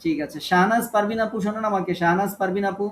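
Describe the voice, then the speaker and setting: A man's voice: sits high, steady tone, fast, slight background noise. A man teaching Quran recitation in an online class, with a Bangladeshi Bengali accent, calling on students one by one and patiently correcting their reading.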